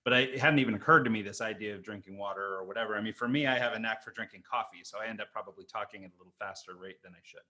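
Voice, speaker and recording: An American man hosting an interview, his voice sitting on the low side. He reflects on his guest's points with easy, hedging phrasing full of fillers. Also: very fast, hardly any pauses, bright, forceful tone. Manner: thoughtful, hedging, many fillers. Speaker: podcast host. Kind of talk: conversational interview.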